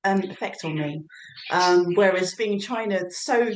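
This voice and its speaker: A woman's voice: medium pitch, unhurried, roomy sound, slight background noise, low-quality recording. A woman who teaches English, telling about living abroad in a hesitant way with many fillers. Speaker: English for academic purposes teacher. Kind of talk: casual introduction at an online event.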